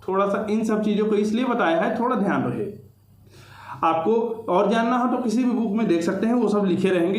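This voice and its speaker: A man's voice: high voice, roomy sound. A man teaching a grammar lecture to exam students, explaining step by step and repeating key points.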